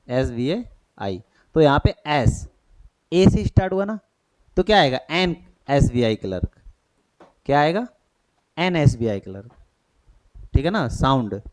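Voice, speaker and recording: A man leads an exam-prep grammar lesson, his voice sitting a little high for a man. He keeps quizzing the class and checking that they follow. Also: a little mellow. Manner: questioning, repeats checks like "thik hai". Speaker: teacher.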